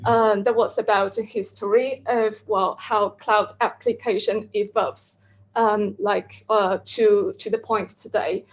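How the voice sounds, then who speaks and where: A woman's voice: mid-range voice, fairly even intonation, a little slow, dull audio. A woman finishing a short talk, hesitant with many fillers.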